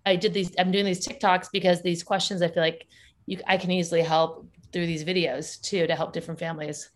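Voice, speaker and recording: An upbeat woman guest in a casual remote interview, laughing easily between her points. Her voice sits a little lower than most women's. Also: little pitch movement, brisk. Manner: upbeat, laughs often while talking. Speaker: guest, parenting educator and school founder.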